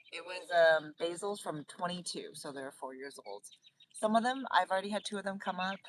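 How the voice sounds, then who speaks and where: Woman, casual outdoor garden chat, low-ish voice, off-mic, steady background noise. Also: recorded from a distance. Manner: chatty, reads viewer comments aloud, talks while working. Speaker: gardening livestream host. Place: outdoor garden in light rain. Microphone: phone set up outdoors.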